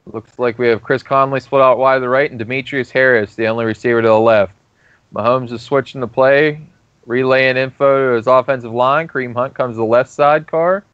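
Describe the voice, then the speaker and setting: Smooth-voiced male play-by-play caller. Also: mid-range voice, dry recording, highs cut off. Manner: calls plays in steady descriptive runs. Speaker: play-by-play announcer. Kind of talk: live play-by-play commentary.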